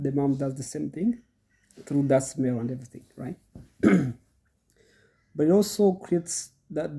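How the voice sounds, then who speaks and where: On the high side, warm and husky, this voice belongs to a middle-aged goat farmer who's congested with a cold. Hosting his channel, he chats through instructions step by step for viewers and tends to repeat himself.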